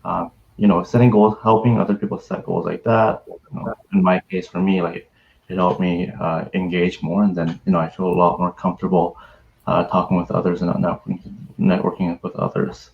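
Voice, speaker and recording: This is a Canadian university student in his twenties, a panelist telling a casual story on a webinar video call with lots of hesitation, fillers, and restarts. His deep, gravelly voice is delivered flatly and fairly quickly. The audio comes across dull.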